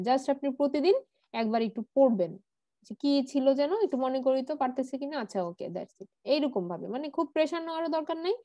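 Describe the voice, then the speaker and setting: High-voiced woman teaching patiently. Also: mellow, no room sound, lo-fi sound. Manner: patient, repeats word forms slowly, asks questions and answers them; mixes English words into her talk. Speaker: Arabic grammar teacher. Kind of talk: online class lesson.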